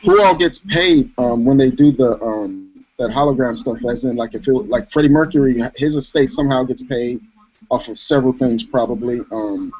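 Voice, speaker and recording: A man's voice: mid-range voice, moderate pace, darkish tone. A man hosting a podcast, asking hesitant questions with fillers. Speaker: podcast host. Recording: distant, dull lo-fi audio.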